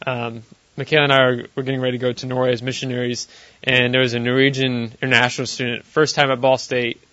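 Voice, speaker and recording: A man's voice: medium pitch, sharp tone, dry recording. A man on a casual panel, rambling with many filler words about volunteering on campus. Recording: dry, slightly dull recording.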